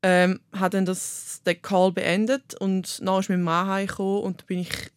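A young woman with a Swiss German accent, speaking candidly as an interview guest with halting restarts. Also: medium pitch, little pitch movement, clear, resonant tone, dry recording, studio quality. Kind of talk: personal interview talk.

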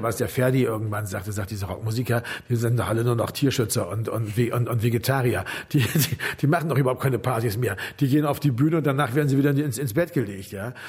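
A man answering interview questions in a halting way, restarting his sentences often. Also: mid-range voice, darkish tone, slightly rough.

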